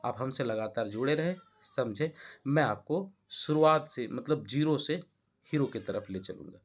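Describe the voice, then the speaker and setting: A man's voice: medium pitch, normal speed. A man with an Indian accent teaching English grammar in a classroom-style lesson, often stopping to check that students follow. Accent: Indian Hindi-speaking. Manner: explanatory, checks understanding with repeated questions.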